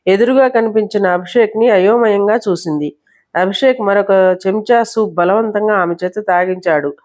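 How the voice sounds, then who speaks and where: A woman storyteller reading a novel aloud, steady and expressive. Her voice sits at a middling pitch for a woman. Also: moderate pace.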